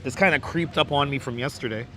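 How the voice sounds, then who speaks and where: Quick and sharp-toned, a hoarse host on an outdoor beach boardwalk livestream rattles off viewer names and welcomes them repeatedly in a crackly, squeaky voice. His phone stream, recorded through a wireless clip-on mic, carries faint traffic and city ambience.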